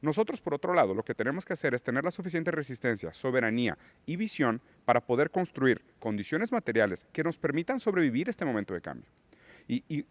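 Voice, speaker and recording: On a political podcast, a male guest lectures on theory and builds into emphatic points in a political conversation. His voice sits at medium pitch, with no echo.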